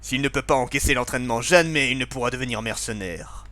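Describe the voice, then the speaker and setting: A man doing a gruff, stern mercenary father. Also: quick pace, bright, forceful tone, natural voice. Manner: gruff, deeper, more manly.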